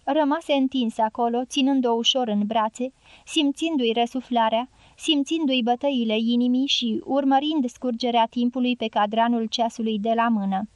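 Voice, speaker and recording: A woman narrating a novel as an audiobook in a calm, measured reading. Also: a little high, no room sound. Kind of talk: scripted narration.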